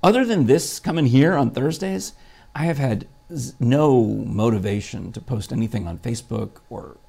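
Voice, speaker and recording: A man's voice: medium pitch, animated, moderate pace, vocal fry, mellow, slightly rough. A man hosting a casual morning chat show, talking in a rambling, chatty way with lots of fillers and restarts. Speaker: show host.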